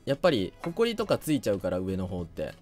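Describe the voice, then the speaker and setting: A man's voice: fairly low pitch, wildly swooping pitch, brisk, a little mellow, faint music behind. A young man giving casual game commentary, thinking aloud and often hesitating. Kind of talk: casual let's play commentary.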